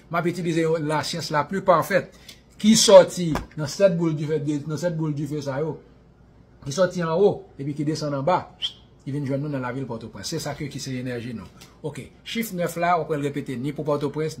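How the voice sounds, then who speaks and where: A man's voice: medium pitch, a little hiss or hum. A man with a Haitian Creole accent giving an impassioned monologue, repeating himself, restarting phrases and asking rhetorical questions.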